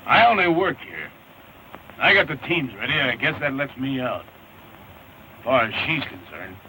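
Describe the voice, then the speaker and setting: An actor playing a blunt, plain-spoken cowboy teamster with an American accent in an early 1930s western film. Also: male voice, medium pitch, big pitch swings, normal speed, bright, forceful tone. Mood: sullen. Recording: noisy 1930s film soundtrack.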